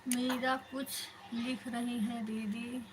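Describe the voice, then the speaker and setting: A woman hosts a live stream and chats with her viewers, calling them elder sister. Her voice sits fairly high and she talks slowly. The phone recording carries clear background noise. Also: little pitch movement.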